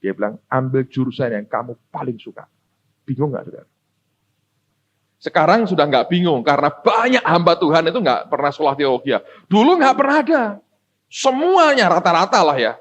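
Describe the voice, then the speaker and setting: Animated high-voiced pastor preaching. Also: male voice, fairly quick, slight background noise. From Semarang, Central Java. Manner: animated, folksy, addresses the congregation directly. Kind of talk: sermon storytelling. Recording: dull lo-fi recording.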